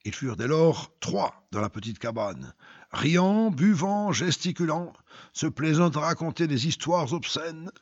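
A man reading a dramatic story aloud, swinging between loud and hushed delivery. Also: fairly high pitch, expressive, unhurried, no echo. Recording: dull lo-fi recording.

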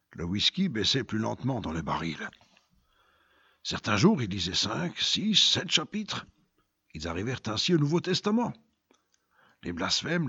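A man reading a dramatic story aloud, swinging between loud and hushed delivery. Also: medium pitch, husky, no room sound. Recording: dull lo-fi recording.

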